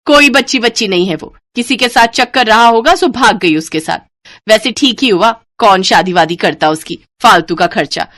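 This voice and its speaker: A woman voicing a shrill, bossy sister-in-law. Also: level tone, fast, few pauses, no room sound, natural voice. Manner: scolding, shrill and loud. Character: harsh, bossy middle-aged sister-in-law, always shouting. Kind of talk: animated storybook voice acting.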